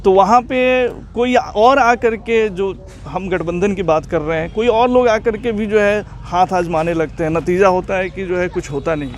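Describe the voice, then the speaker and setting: A man interviewing a politician, asking long formal questions and acknowledging answers with soft murmurs. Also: high-pitched, normal speed, few pauses, faint music behind. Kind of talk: news interview.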